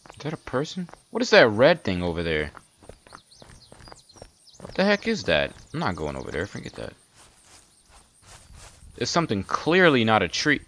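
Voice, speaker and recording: A man narrating his survival game play as he goes, excitable and repeating "dude" often. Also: on the low side, moderate pace, long pauses. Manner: excitable, keeps saying "dude". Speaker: gaming channel host. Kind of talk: let's play commentary.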